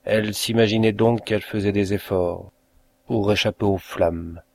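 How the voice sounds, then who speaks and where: A man with a somewhat low voice narrates an old novel. His reading is measured and expressive, with the steady pace of an audiobook. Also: vocal fry. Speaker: audiobook reader. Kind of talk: scripted narration.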